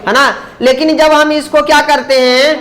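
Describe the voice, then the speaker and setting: A man teaching a grammar lesson, who explains slowly, sounds words out syllable by syllable, and keeps asking his students questions that he answers himself. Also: extremely high pitch, flat delivery, fairly bright tone.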